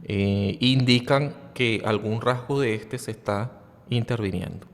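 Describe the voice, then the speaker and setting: A man's voice: lowish voice, measured pace. A man hosting a podcast, giving a loose educational talk with frequent hesitations, fillers and repeated words. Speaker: podcast host. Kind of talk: unscripted educational monologue. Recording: long hall reverb.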